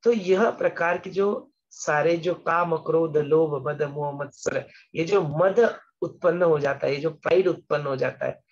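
A man's voice: fairly high pitch, normal speed, muffled recording. A man giving an explanatory scripture lesson as a spiritual teacher, patiently repeating words and slipping English phrases into his talk.

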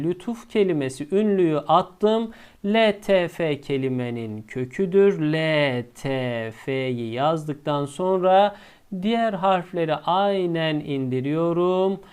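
Slow, clear-voiced male teacher. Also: on the high side, lively intonation, a little mellow. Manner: asks himself questions and answers them, stretching out key words. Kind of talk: step-by-step lesson.

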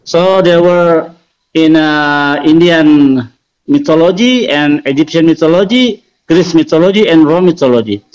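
A man's voice: a little high, unhurried, darkish tone, clear, resonant tone, muffled recording. A man explaining religion informally in a debate, didactic and emphatic, often repeating key phrases.

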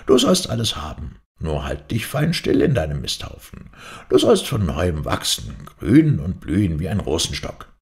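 A man's voice: low-pitched, wildly swooping pitch, moderate pace, gravelly, darkish tone, pitched below the performer's own voice, heavily acted. A man doing a scolding magic spirit. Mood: mocking. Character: grumpy male spirit, scolding and impatient.

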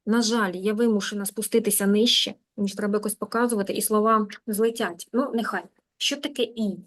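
A Ukrainian woman teaching a beginner English class online, in a lively, coaxing manner, repeating words to drill pronunciation. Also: medium pitch, a little fast. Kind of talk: live online lesson.

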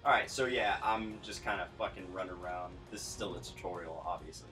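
A man's voice: deep voice, a little fast. A young man casually commentating a video game while he plays, laid-back and profane, laughing often. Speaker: gameplay commentator. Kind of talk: casual let's-play chat. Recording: distant mic with game music.

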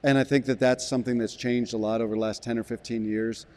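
A man in his forties, a brewery sales director, giving a measured interview in a barrel room with frequent restarts. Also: mid-range voice, little pitch movement, darkish tone. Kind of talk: business interview.

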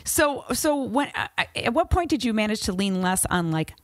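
A woman's voice: medium pitch, moderate pace, no room sound, clean studio sound. A middle-aged woman hosting a talk show, chatting candidly and animatedly with her guest. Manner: animated, candid, venting asides. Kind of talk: casual interview chat.

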